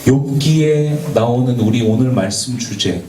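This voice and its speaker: A man's voice: mid-range voice, unhurried, dark tone. A man preaching as a youth pastor in a church, speaking earnestly and putting rhetorical questions to the young people, sometimes stumbling over his words and joking about it. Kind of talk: sermon. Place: church worship space. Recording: echoey, from a distance, faint background noise.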